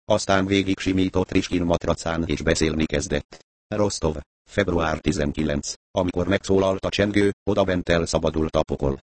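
A man narrating an audiobook in a steady, measured reading. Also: deep voice, a little hiss or hum.

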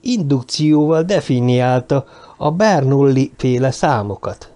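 A man reading an audiobook, voicing a dying bearded mathematician who speaks in a low, raspy, scornful, lecturing way. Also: expressive, warm tone, natural voice. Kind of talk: audiobook character voice.

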